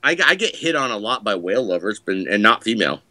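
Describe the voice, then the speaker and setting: A man's voice: lowish voice, big pitch swings, fast talker, bright, forceful tone, dry recording. A middle-aged man, a podcast guest, chatting in a rambling, self-mocking, wisecracking way. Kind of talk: joking podcast chat.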